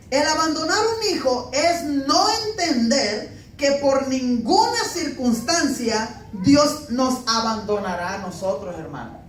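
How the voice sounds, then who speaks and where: A male pastor, preaching emphatically and mixing in homey humor and family stories. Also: extremely high pitch. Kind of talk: sermon. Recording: echoey room, mic at a distance, faint background noise.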